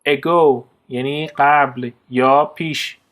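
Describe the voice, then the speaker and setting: A man's voice: mid-range voice, fairly even intonation, a bit bright. A man with a Persian accent teaching English vocabulary, reading each word and then giving its meaning.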